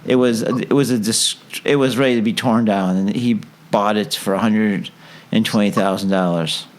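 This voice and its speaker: A man's voice: fairly low pitch, steady tone, moderate pace. A man hosting a casual talk show, chatting in a rambling, jokey way, often trailing off and restarting his sentences. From Chicago. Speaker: show host. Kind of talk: casual chat.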